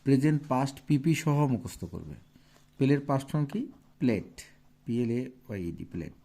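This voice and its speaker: Bangladeshi bengali accent guy teaching kids english, spells stuff letter by letter, mellow dark voice. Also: mid-range voice, animated, gravelly. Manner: explains slowly, spells out words letter by letter. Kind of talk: classroom lesson.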